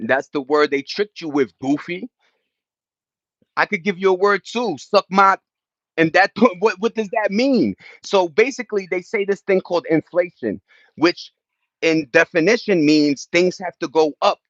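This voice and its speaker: This livestream host, an American man, reads viewer chat aloud and responds, rambling casually in slangy street talk with passion and emphasis. He speaks a little slowly in a voice that sits high, captured muffled with no room sound.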